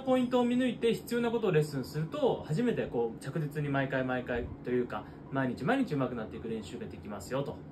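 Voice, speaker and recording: A man teaching as a voice trainer, explaining vocal technique and breaking into short sung demonstrations. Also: on the high side. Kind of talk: singing lesson explanation. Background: guitar music.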